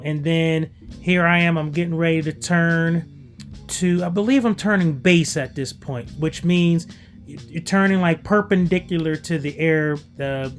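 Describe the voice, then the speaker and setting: A man narrating footage as a student pilot in a casual vlog style, candid, conversational and enthusiastic. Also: on the high side.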